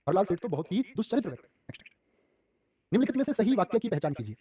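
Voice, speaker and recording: A male coaching teacher runs a live online class at a rapid clip, firing one question after another at his students. His voice is high and mellow. He sounds set back from the mic. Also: big pitch swings, distant mic. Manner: rapid, repetitive questioning, calls students "dear children".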